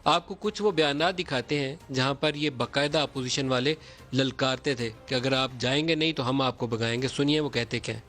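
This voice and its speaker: A man's voice: medium pitch, a bit bright. A man hosting a political talk show, delivering emphatic, declamatory commentary from a TV studio.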